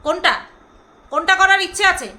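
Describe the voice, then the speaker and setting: A woman's voice: extremely high pitch, a little fast, bright, forceful tone. A middle-aged woman vlogger delivering an angry, sarcastic rant straight to camera, scolding and repeating her phrases for emphasis. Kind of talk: angry ranting monologue to camera.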